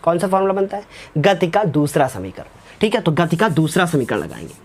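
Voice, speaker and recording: High-voiced male tutor who talks students through each step warmly. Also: big pitch swings, fairly quick. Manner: keeps checking that students follow, repeats each step; fond, fatherly address to students. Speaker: physics teacher. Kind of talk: whiteboard lesson solving numericals.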